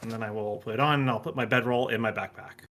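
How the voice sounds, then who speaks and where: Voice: mid-range voice, steady tone, fast, a bit bright. A player in a tabletop game, explaining plainly and matter-of-factly. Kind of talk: casual tabletop game play.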